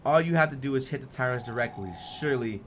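A man's voice: mid-range voice, quick pace, fairly bright tone, a little hiss or hum, pitched below the performer's own voice, close to an everyday voice. A man reading the lines of a cool, scheming female guild leader in a plain, dismissive tone. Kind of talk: reading game dialogue aloud.

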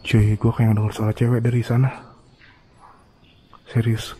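Man, excited slangy chatter, voice echoing off stone tunnel walls, faint hiss. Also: medium pitch, measured pace. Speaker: urban exploration vlogger. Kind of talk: casual exploring commentary. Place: inside an old rock tunnel.

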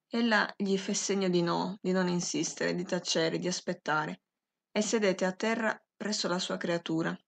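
A woman narrating a classic novel as an audiobook, reading in a slow, measured and expressive way. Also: lowish voice, creaky. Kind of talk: scripted literary audiobook narration.

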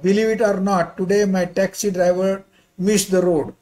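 A man's voice: sits high, flat delivery, moderate pace, a little mellow. An older man giving a slide lecture over a video call in non-native-sounding English, courteous and given to informal, rambling asides. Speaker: visiting pharmacy professor and associate dean.

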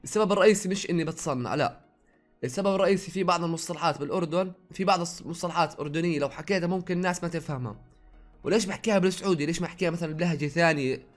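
Fast-talking young Jordanian man. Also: on the high side, faint music behind. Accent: Jordanian Arabic with some Saudi words. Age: young adult. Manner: rapid, chatty, reads viewer questions aloud then answers. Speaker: YouTuber. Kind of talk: casual Q&A vlog answering viewers. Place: his own room at home.

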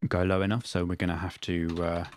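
A man teaching audio engineering in a screen-recorded software tutorial, explaining step by step and repeating a test phrase to demonstrate. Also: low-pitched, flat delivery, fairly quick, a little hiss or hum.

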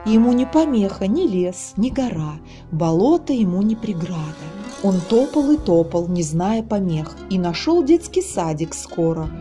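Slow, expressive woman reading verse. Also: medium pitch, faint music behind. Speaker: storyteller. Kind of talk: children's storybook reading.

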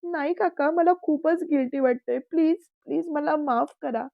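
A man's voice: very high-pitched, measured pace, creaky, dry recording, highs cut off, exaggerated voice. A woman voicing a remorseful young man who pleads close to tears in a storybook reading. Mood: tearful pleading.

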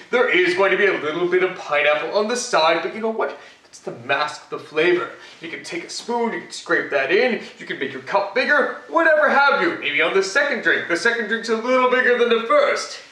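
A man's voice: high voice, expressive, brisk, bright, forceful tone. Cocky Batman, as a man plays him in an echoey kitchen. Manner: chatty, boastful, rambling with fillers. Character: Batman, grown male hero, cocky and boastful. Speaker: cooking show host. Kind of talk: comic cooking demonstration. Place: home kitchen, indoors. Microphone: far camera. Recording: echoey kitchen, mic far off.

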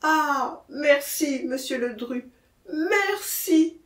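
A man's voice: very high voice, lively intonation, slow pace, recorded from a distance, voice pushed up, heavily acted. A woman reading an audiobook, voicing a terrified man who confesses to a killing, frantic and pleading. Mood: grateful. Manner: frantic, pleading, rising to cries. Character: terrified male gravedigger-murderer, pleading. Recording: echoey room.

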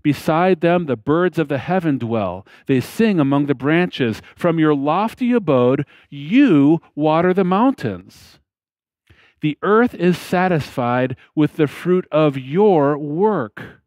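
Slow, deliberate preaching man. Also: a little high, animated, a little mellow, no echo. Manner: slow, deliberate preaching with emphatic pauses and dropping phrase ends. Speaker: pastor. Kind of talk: sermon. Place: church platform behind a lectern, indoors. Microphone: headset mic.

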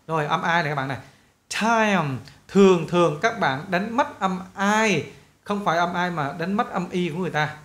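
Young male English teacher with a Vietnamese accent, slightly high voice, drills words with emphasis. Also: reverberant. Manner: lively, repeats model words slowly and loudly. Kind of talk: pronunciation lesson.

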